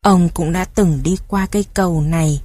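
A woman voicing a stern but caring old grandfather who speaks gravely and with authority. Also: lowish voice, normal speed, lightly acted. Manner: grave, commanding, gentle with children.

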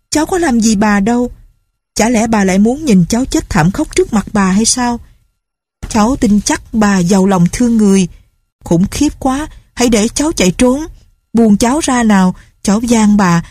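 A woman reading a storybook, voicing a terrified young woman who begs for her life in a high, breathless voice. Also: a little mellow, slightly rough, no room sound.

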